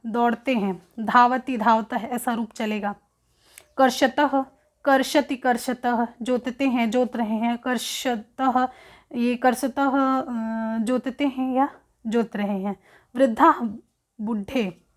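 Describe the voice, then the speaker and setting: A woman teaching a textbook lesson, explaining word by word, asking questions and then answering them herself. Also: on the high side. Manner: slow, repeats words, asks and answers own questions. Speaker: Sanskrit teacher.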